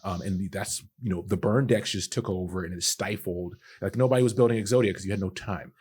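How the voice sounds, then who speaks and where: Husky-voiced man on a gaming podcast. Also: deep voice, a little fast, a little mellow. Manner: laid-back, talks in long run-on thoughts. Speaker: podcast co-host. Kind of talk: casual podcast chat.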